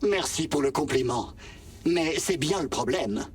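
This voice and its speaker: A man playing a gentle, wry, talking vending machine in a French video game, polite and theatrical in manner. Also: on the high side, animated, a little slow, slightly rough, distant mic. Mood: wry, candid. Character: chatty sentient male vending machine AI, gentle, wistful, wry.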